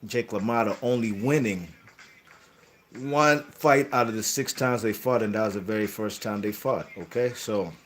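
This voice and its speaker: This boxing channel host has a lowish, fairly bright voice at normal speed, with slight background noise behind him. He chats loosely about the sport's history, fixing his own slips and tacking on "you know what I mean".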